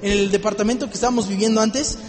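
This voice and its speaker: A man preaching a lively sermon, joking and acting out little scenes for his listeners. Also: high-pitched, fast talker, big-room sound, soft background music.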